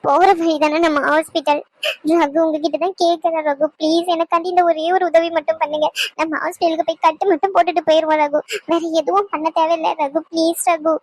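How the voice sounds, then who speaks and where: A young wife pleads with her husband, as a woman acts her out, her voice very high and sitting dry and close to the mic. She keeps begging, anxious and soft, saying his name over and over in an audio drama. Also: little pitch movement, fairly quick, no echo. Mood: pleading. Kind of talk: Tamil audio drama acting.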